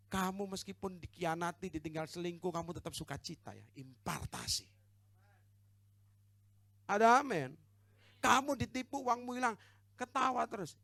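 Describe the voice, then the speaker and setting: High, bright-voiced man preaching with fire. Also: gravelly, dry recording. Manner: swings from hushed intimate asides to loud shouted exhortation; calls for amens and congregational responses. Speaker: evangelist preacher. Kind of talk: charismatic sermon.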